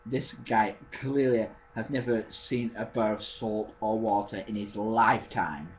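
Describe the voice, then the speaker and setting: A man's voice: fairly low pitch, fairly even intonation, a little slow, dull audio, slight background noise, natural voice. Man doing a filthy, joking vampire.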